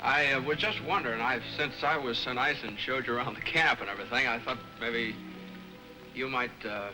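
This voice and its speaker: An actor playing a shy young man in classic films, talking in a halting, hesitant way. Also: mid-range voice, over music, lightly acted, rough recording. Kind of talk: classic film acting.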